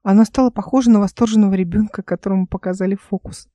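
Woman reading her own audiobook, calm and even, mellow voice, dry sound. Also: mid-range voice, fast talker, no room sound. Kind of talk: audiobook narration.

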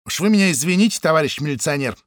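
A man reading an audiobook voices a loud, coarse woman janitor who talks in a crude, folksy, mocking way. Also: high voice, sing-song, moderate pace, no echo, studio quality, pitched above the performer's own voice.

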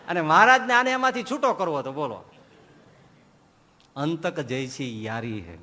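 A male preacher giving an animated sermon, quoting verses and acting out stories as he goes. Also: mid-range voice. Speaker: religious preacher. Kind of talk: sermon with storytelling.

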